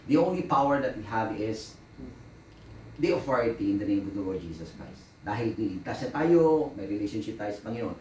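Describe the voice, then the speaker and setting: Pastor preaching in an echoey room. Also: male voice, on the low side, lively intonation, brisk, a little mellow, far from the mic, a little hiss or hum. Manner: storytelling, mixing Tagalog and English, laughing at his own anecdotes. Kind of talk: sermon.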